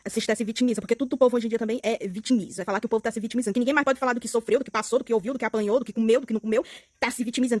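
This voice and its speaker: A young woman with a Brazilian Portuguese accent, venting outspokenly in a casual vlog, swinging between soft and loud. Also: fairly high pitch, no room sound, clean studio sound. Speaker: vlogger.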